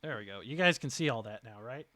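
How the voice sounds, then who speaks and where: A man's voice: mid-range voice, expressive, quick pace, bright, forceful tone, no room sound. A man talking casually as a streaming game master, in a rambling, joking manner.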